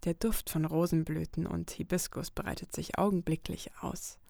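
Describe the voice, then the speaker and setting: Woman narrator, first-person storybook reading, calm and even, slightly gravelly voice, dry close mic. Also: on the low side, moderate pace, no room sound, whispered. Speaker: audiobook narrator.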